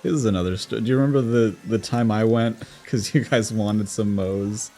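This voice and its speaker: A young man co-hosting a relaxed chat, often laughing and jumping in with quick replies. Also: lowish voice. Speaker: podcast co-host. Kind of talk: casual chat.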